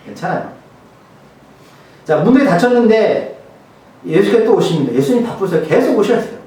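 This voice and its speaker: Joking pastor in an echoey hall. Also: male voice, high-pitched, animated, a little fast, dark tone. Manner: joking, conversational, many rhetorical questions. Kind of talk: sermon. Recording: very echoey hall, mic far off.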